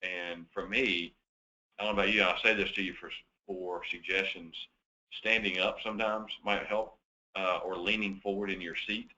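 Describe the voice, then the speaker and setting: A man's voice: low voice, little pitch movement, moderate pace, sharp tone. A man presenting a webinar in a chatty way, full of fillers and restarts, putting practical questions to his audience. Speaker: webinar presenter on debt collection. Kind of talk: conversational webinar talk. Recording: dull lo-fi webinar audio.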